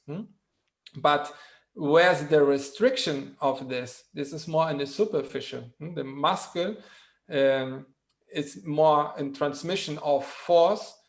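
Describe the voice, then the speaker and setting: A non-native English speaker, a man with a thick foreign accent, explains in lecture style, haltingly searching for words and adding questioning tags. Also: on the high side, vocal fry. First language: not English. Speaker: presenter, physical therapy educator.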